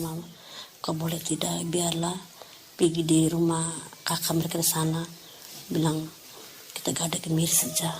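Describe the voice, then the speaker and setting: A woman's voice: on the low side, darkish tone, slight background noise. Middle-aged woman telling her story. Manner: plain, conversational storytelling. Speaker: interviewee, mother. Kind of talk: personal testimony.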